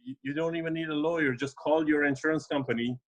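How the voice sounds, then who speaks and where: A man's voice: a little high, steady tone, quick pace, rough recording. A man from Afghanistan, an immigration lawyer guest, talking casually in an interview with many fillers and restarts.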